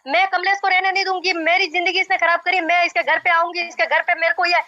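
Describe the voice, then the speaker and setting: A young woman with a very high, pushed, bright voice argues on a recorded phone call, speaking quickly with a flat delivery. She is a caller in a marriage dispute, insistent and argumentative, repeating herself throughout the heated conversation.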